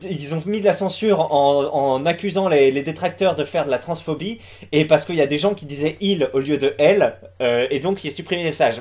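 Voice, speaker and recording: A man's voice: fairly high pitch, a little mellow. A man giving casual live commentary, rambling with many fillers, restarts and crude slang.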